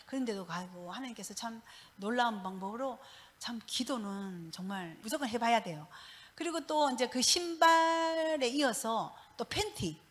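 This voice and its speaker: A middle-aged woman giving a church testimony as a pastor's wife, telling her story in an animated way and laughing often. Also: fairly high pitch.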